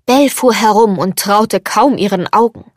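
A woman giving a calm, scripted storybook narration. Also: medium pitch, moderate pace, dry recording, clean studio sound.

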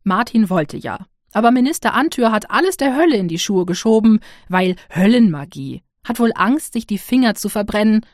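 A woman's voice: medium pitch, moderate pace, few pauses, dry recording, studio quality, natural voice. A woman voicing an indignant fussy official. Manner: animated, indignant scolding. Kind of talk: audiobook character voice.

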